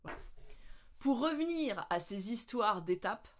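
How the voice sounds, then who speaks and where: A French woman vlogging, telling anecdotes in a casual, animated way with lots of laughter. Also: fairly high pitch, a little slow. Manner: animated, laughing, with playful English mimicry. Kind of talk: casual storytelling.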